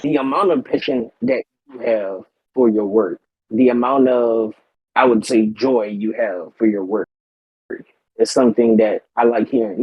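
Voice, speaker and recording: A man's voice: lowish voice, husky, no room sound, dull audio. A man hosting a podcast interview, polite and encouraging, with somewhat wordy phrasing. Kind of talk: casual interview.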